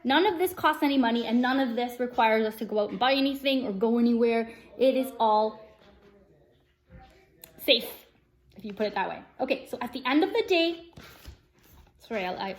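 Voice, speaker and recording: Her voice is slightly high, with a touch of background noise. She's an earnest, conversational self-help vlogger speaking directly to viewers, and in this upbeat vlog she partly reads from a script of her own.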